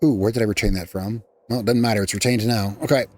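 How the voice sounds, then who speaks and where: A man's voice: lowish voice, fairly even intonation, fast talker, a little mellow. A man hosting a gaming channel, talking through his gameplay in a casual, rambling way that often corrects itself midway. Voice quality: rambling, self-correcting, chatty.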